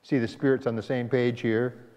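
A male pastor guides a Sabbath school class through the lesson conversationally, posing questions, inside a church sanctuary. His mid-range voice shows little pitch movement, moves at a moderate pace, and is a little mellow. The sound is dull and echoey, as in a church hall.

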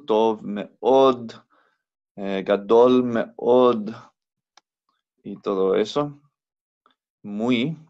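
Very slow-speaking man teaching a lesson. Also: fairly low pitch, darkish tone, dull audio. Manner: slow, patient, repeats words for pronunciation. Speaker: biblical Hebrew teacher. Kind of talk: recorded language lesson.

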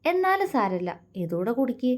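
A woman's voice: fairly high pitch, very animated, moderate pace. A woman voicing a tender, protective young man who coaxes and comforts his lover. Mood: coaxing. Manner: soft, affectionate, coaxing.

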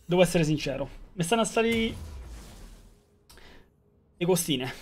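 Young streamer, high voice, casual joking banter with chat, loose and profane. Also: male voice, animated, a little slow, faint music behind. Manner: rambling, joking, swearing, talks to chat. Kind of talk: live gaming stream chat.

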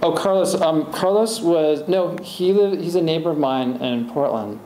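At a library talk, a middle-aged author at a podium answers audience questions in a rambling, conversational way, restarting often. His voice is fairly high yet dark in tone, at a moderate pace, picked up by a podium mic and a distant camera with roomy echo and faint hiss.

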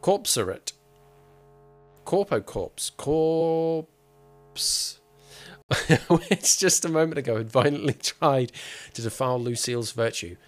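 A man's voice: medium pitch, unhurried, faint music behind. Playful man streaming a game. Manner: playful, jokey, hammy dramatic reading. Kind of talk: casual gameplay commentary, reading in-game texts aloud.

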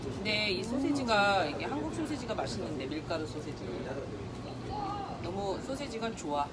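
A woman's voice: medium pitch, very animated, normal speed, over a noisy crowd. A middle-aged woman chatting casually and animatedly while she eats, often exclaiming and asking questions. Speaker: mukbang vlogger chatting with younger relatives. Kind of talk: casual chat while eating. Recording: clearly noisy background.

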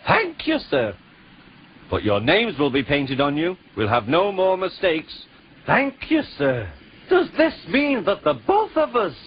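A man's voice: very high-pitched, sing-song, slow, long pauses, background noise, voice pushed up, full character voice. A man voicing a pair of hearty Scottish twin engines with a broad, burred brogue. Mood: delighted. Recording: dull lo-fi with music.

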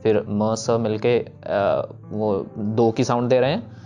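A young man teaching the pronunciation of sacred verses, patiently repeating lines slowly syllable by syllable. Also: fairly low pitch, fairly even intonation, warm tone, muffled recording, soft background music. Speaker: teacher of scripture recitation. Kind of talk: step-by-step pronunciation lesson, slow chanted examples.

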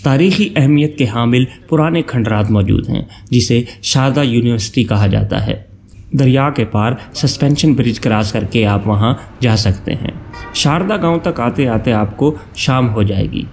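Man narrating a travel guide voice-over. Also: medium pitch. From Pakistan. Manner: steady, informative, listing places one by one.

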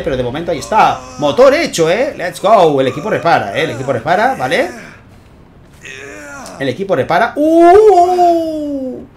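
A man with a Spain Spanish accent, hosting his channel and commentating a tournament match, excitable and constantly checking in with his viewers. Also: fairly high pitch. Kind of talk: gameplay commentary.

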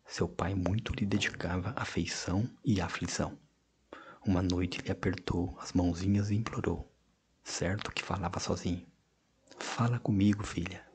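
Deep-voiced male audiobook narrator. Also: steady tone, moderate pace, a little mellow, breathy edge. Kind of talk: scripted narration.

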